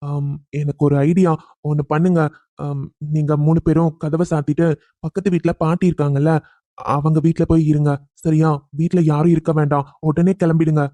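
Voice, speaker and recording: A man's voice: fairly high pitch, little pitch movement, normal speed, mellow, no echo, lightly acted. A man voicing a short-tempered young police officer who scolds his staff sharply and fusses protectively over his wife. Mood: worried. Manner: angry scolding on the phone, tender with his wife.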